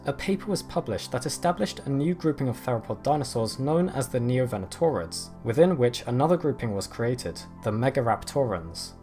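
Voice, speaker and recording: A man narrating a scripted nature documentary in a measured, explanatory way. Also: mid-range voice, a little mellow. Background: background music.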